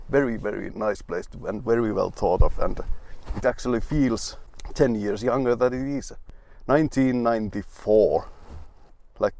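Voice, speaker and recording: A man's voice: on the low side, creaky, darkish tone. Dry, wry man reviewing his car. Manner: rambling, with restarts and asides.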